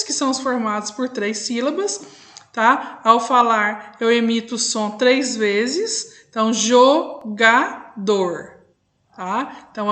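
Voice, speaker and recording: Higher-voiced lady teacher going slow and patient, lots of tá? checks, echoey room. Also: a bit bright. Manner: patient, drawn-out syllables, frequent "tá?" checks. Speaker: schoolteacher. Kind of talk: online class lesson.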